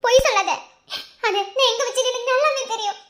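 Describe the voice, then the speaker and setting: A woman's voice: a little fast, fairly bright tone. A woman voicing a fiery, emotional young woman in a cartoon, speaking with a Madurai Tamil accent and scolding through tears. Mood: hurt scolding. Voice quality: very high, squeaky cartoon voice. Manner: teary, scolding, sulky. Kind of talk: animated cartoon dialogue.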